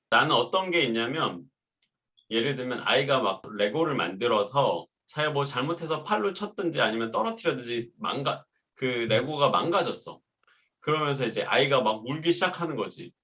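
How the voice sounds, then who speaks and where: Dad host musing about parenting, bright voice, acts out his own lines to his kid. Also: mid-range voice. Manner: reflective, acts out quoted lines. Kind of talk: casual parenting talk.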